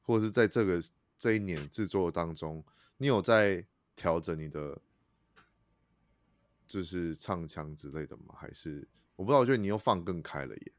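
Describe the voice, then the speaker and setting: A man's voice: low voice, expressive, moderate pace, no room sound, studio quality. A man hosting a casual chat interview, hesitant and repeating words, often laughing. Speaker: podcast host.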